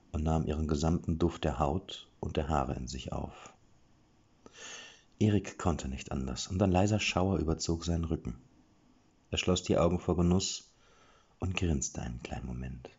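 A man reading a fantasy story aloud, expressive, with occasional slips and restarts. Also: a bass voice, slightly rough, highs cut off.

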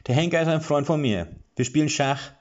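A man voicing a brash, jovial dwarf police chief who talks loudly and mockingly, on a slightly dull recording. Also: fairly high pitch, brisk, voice pushed up, close to an everyday voice. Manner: loud, breezy, mocking.

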